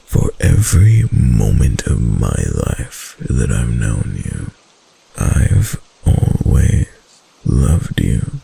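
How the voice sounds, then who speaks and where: In an intimate romantic ASMR roleplay, a man plays a tender yet possessive yandere fox-spirit husband with an exaggerated, deep, gravelly, husky voice whose pitch swoops wildly and often drops to a whisper. His soft, adoring murmur is slow with lingering pauses, and the mood is soothing and affectionate.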